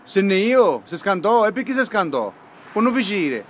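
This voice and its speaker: Give a man with a fairly high voice and a Sicilian accent, chatting casually in Sicilian dialect. His pitch swings widely as he teases in an animated way. Clear background noise surrounds him. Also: moderate pace. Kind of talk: casual chat in Sicilian dialect, talking to a dog.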